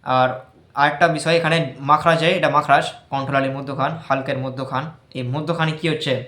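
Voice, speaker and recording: A man with a Bangladeshi Bengali accent teaching Quran recitation, who explains slowly and repeats single letter sounds as drills. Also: a little high, steady tone, sharp tone. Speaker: tajweed teacher. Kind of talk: religious recitation lesson. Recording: echoey room.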